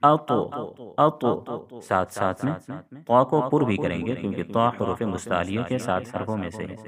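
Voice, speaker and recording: A man teaching Quran recitation rules step by step, calmly explaining each letter. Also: on the low side, crowd noise. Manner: explains rules calmly, then chants verses slowly. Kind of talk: step-by-step tajweed lesson.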